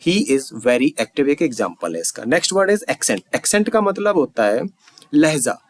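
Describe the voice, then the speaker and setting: A man with an Indian accent teaching English vocabulary, saying example sentences slowly and clearly, then explaining more quickly. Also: fairly high pitch, very animated, no echo. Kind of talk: Hindi-English vocabulary lesson.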